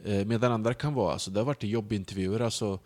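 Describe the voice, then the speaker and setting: Low-voiced young man chatting. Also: fairly even intonation, darkish tone, dry recording. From Sweden. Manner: storytelling, acts out quoted people. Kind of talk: casual chat.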